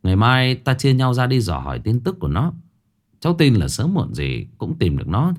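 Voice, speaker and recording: Man doing a soothing, polite grown man, very low and soft, storybook ghost tale. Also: expressive, moderate pace. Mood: reassuring. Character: gentle, reassuring grown man.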